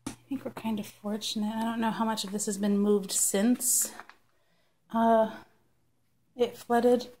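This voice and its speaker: A woman talks slowly and hesitantly as she walks through a basement, filming on a phone. She thinks aloud and clears her throat often. Faint handling noise and clicks sit under her voice. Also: on the high side, little pitch movement, dark tone. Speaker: property inspector. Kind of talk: casual walkthrough narration. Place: damp basement, indoors. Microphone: phone camera held while walking.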